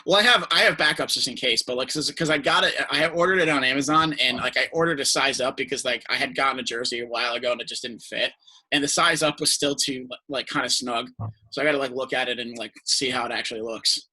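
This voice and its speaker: A young man with a bright, forceful voice and a husky edge hosts a podcast in loose, casual chat. He rambles, restarts sentences and piles on fillers as he talks. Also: medium pitch, fast talker, poor audio. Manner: rambling, filler-heavy, laughs often. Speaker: podcast host.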